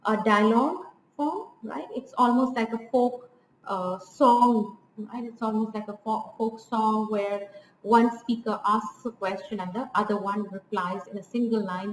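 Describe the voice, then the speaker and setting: A woman's voice: fairly high pitch, reverberant, a little hiss or hum, poor audio. A woman giving an informal literature lecture on a poem, explaining patiently and often checking in with her listeners. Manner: explanatory, frequent restarts and "right?" checks. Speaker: literature teacher.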